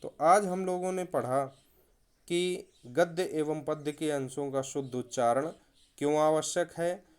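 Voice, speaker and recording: Male teacher, video lecture, fairly high voice, smooth and clear, spells out examples with stress. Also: measured pace, darkish tone. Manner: explains with spoken examples, stretching and stressing words.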